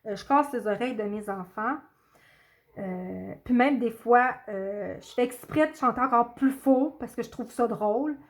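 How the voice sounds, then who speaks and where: A woman talks to her viewers in a casual, halting way, stopping often to gather her thoughts. Her voice sits a little higher than most women's. She is quick to apologize and to make fun of herself. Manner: hesitant, pauses often with fillers; self-deprecating and apologetic. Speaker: coloring channel host. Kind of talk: casual chat answering a video tag.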